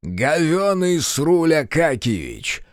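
A man's voice: medium pitch, big pitch swings, measured pace, no echo, studio quality, voice pushed up. A man voicing a brash, insolent captive creature with long ears, who howls and snarls his words. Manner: howling, shouting and snarling.

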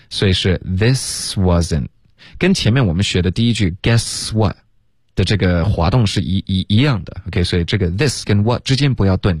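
Low-voiced male radio English teacher. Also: no echo, clean studio sound. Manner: switches between Chinese and English, slow drilled repetition of phrases. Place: radio studio.

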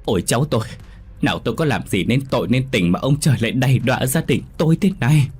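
A man's voice: mid-range voice, lively intonation, fast talker, faint music behind, pitched above the performer's own voice, close to an everyday voice. A man doing a wailing old grandmother. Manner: wailing, sobbing.

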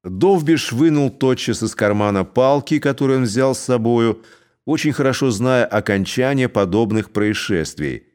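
A man narrating a classic tale as an audiobook, in an expressive, unhurried way. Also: mid-range voice, clear, resonant tone.

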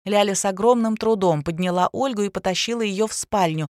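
A woman narrating a novel in an even, measured storytelling manner. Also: mid-range voice, dry recording, clean studio sound. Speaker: audiobook narrator. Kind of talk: scripted narration.

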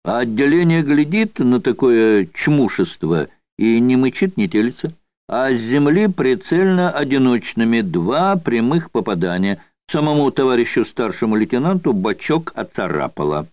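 A male audiobook reader voicing an unhurried, slangy convict storyteller who mocks with coarse barracks slang. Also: mid-range voice, very animated, no room sound, lightly acted. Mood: mocking. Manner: coarse barracks slang, mocking yarn-spinning. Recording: dull dry studio recording.

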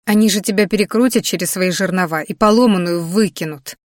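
A woman's voice: mid-range voice, a little fast, no echo, studio quality, lightly acted. A woman voicing a worried aunt in her late thirties who scolds and pleads with her niece in an audiobook. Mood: pleading, scolding.

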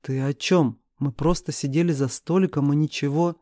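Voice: medium pitch, steady tone, normal speed, warm tone, no echo, studio quality, natural voice. A reader voicing an indignant young woman heroine who protests against accusations in an audiobook.

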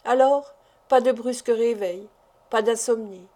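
A woman reads a classic novel aloud as an audiobook narrator, in a measured and deliberate way. Her voice sits somewhat high and has a soft, mellow tone. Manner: measured, deliberate literary reading. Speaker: audiobook reader.

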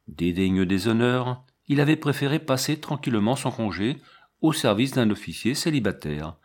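A man narrating a novel as an audiobook, in a measured storytelling manner. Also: medium pitch, darkish tone. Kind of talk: scripted narration.

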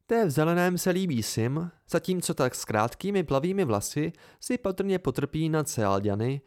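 A man's voice: fairly high pitch, expressive, a little mellow, clean tone, pitched above the performer's own voice. A man voicing a teasing, playful young woman in an amateur audiobook reading. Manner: teasing, lilting.

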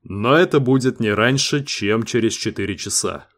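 A man's voice: fairly low pitch, moderate pace. A man voicing a cool-headed male expedition commander who gives curt orders. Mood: stern.

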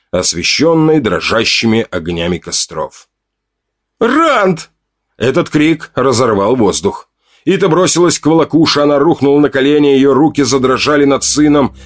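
A man reading a first-person adventure audiobook with expressive, dramatic delivery. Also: mid-range voice. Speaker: audiobook reader.

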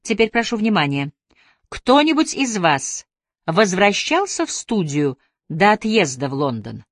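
A woman's voice: mid-range voice, sing-song, measured pace, pitched above the performer's own voice. A woman voicing a polite but firm male detective questioning suspects, in an audiobook.

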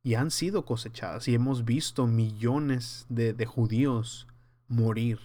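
A man leads a verse-by-verse Bible study in an earnest, conversational way. His voice sits at an ordinary middle pitch, and he preaches as if speaking to brothers in the faith. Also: a little slow. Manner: acts out scenes in lively voices. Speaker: Bible teacher.

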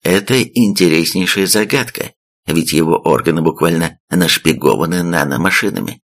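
Guy reading a calm doctor, deep gravelly voice, measured. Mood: clinical. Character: calm, clinical doctor, adult man.

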